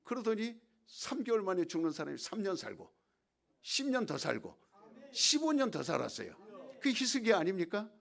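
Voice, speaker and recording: A man's voice: sits high, very animated, normal speed, creaky, a bit bright. A male pastor preaching a sermon emphatically, drawing call-and-response from the congregation.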